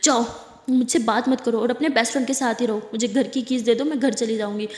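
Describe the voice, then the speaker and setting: A woman storyteller plays a jealous young woman who sulks and snaps. The voice is fairly high and carries a long, roomy reverb. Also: steady tone, a little mellow, lightly acted. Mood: sulky. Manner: sulky, snappish. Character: jealous young woman, sulky and sharp-tongued. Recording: echoey reverberant room.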